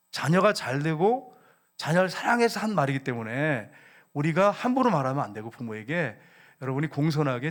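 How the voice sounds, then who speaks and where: A male pastor delivering a sermon in a voice pitched a little above the usual for a man. He keeps turning to his congregation with questions, pressing his points home. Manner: preaching with frequent questions to the congregation. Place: church service.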